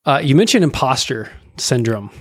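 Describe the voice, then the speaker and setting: A man's voice: medium pitch, big pitch swings, moderate pace, breathy edge. Chatty male podcast host. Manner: chatty, curious questions. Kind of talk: casual podcast interview.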